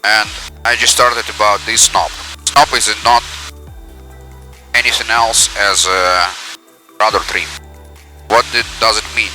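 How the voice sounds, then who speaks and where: Guy, pilot on headset explaining cockpit checks, lowish sharp voice, light music behind. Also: steady tone, measured pace, pauses often. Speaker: pilot and flight reviewer. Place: cockpit of a small airplane. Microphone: aviation headset in cockpit.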